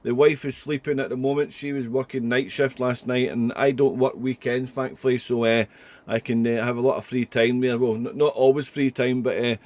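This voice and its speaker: Speaking at normal speed with a mid-range, a little mellow voice and little pitch movement, a man chats on ham radio from a small indoor room at home. His talk is rambling and repetitive, with phrases frequently ending in "there."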